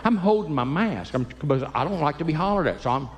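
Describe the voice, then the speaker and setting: A man's voice: fairly high pitch, lively intonation, fast talker, in a large hall, noisy background. An older man doing stand-up comedy in a church, folksy, teasing the audience and acting out quotes. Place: church sanctuary.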